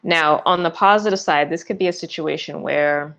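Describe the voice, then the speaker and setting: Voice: mid-range voice, normal speed, vocal fry, a bit bright, lo-fi sound. A tarot reader giving a loose, chatty forecast, full of fillers and restarts and yawning often.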